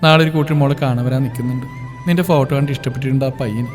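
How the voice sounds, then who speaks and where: A man voicing a gentle, pleading older sister. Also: medium pitch, fairly even intonation, rapid-fire, close to an everyday voice. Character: fond young woman, gentle older sister. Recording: long reverb, soft music behind.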